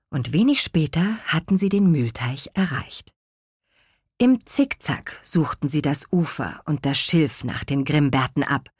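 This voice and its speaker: A woman reading a children's audiobook as narrator, lively storytelling. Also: sits low, husky, no room sound, studio quality. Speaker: audiobook reader.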